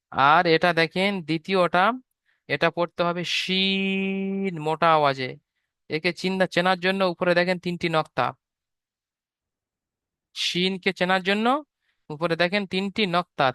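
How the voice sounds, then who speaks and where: Guy teaching letter sounds slow and patient, bright crisp voice, dry close sound. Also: on the high side, no room sound. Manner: patient, repeats each point, draws out letter sounds. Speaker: Quran reading teacher. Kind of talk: step-by-step online lesson.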